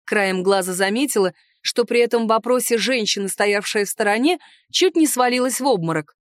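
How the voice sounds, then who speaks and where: Female audiobook narrator, high-ish voice, playful and expressive, dry close read. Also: normal speed, dry recording. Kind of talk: first-person novel narration with character voices.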